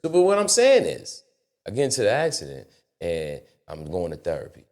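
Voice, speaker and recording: A man telling a personal story as a guest on a casual studio talk show, profane and animated. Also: low voice, a little fast. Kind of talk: casual podcast chat. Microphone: studio mic.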